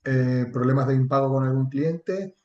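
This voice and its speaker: Speaking at a moderate pace, a man with a slightly mellow, medium-pitched voice is heard in a reverberant recording with the highs cut off. He's from Extremadura, speaks with a Spain Spanish accent, and as a chatbot marketing entrepreneur gives a casual, candid interview, swearing a little.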